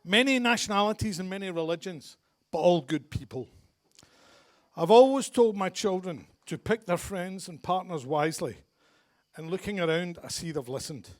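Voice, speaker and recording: A man's voice: sits high, lively intonation, moderate pace. A middle-aged man with a broad Glaswegian Scottish accent gives a humorous wedding speech as father of the bride, joking dryly. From Scotland. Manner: dry, joking delivery.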